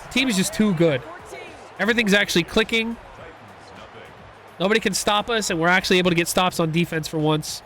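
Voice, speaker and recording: Excitable high bright-voiced young man. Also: fairly quick, pauses often, soft background music. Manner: excitable, rambling, reacts loudly to big plays. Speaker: gaming YouTuber. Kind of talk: casual gameplay commentary.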